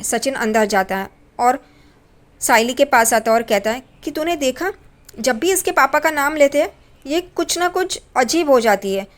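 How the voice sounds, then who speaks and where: Female recap narrator, slightly high pitch, loose conversational retelling that reads character lines flatly. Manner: retells scenes, reading characters' lines in plain quotes. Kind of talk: casual spoken plot recap.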